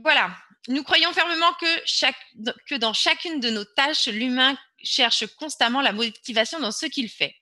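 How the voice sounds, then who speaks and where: A woman's voice: high voice, normal speed, bright, forceful tone, no echo. A woman presenting an online webinar and walking viewers through a screen-share demo, urging them on and repeating words for emphasis.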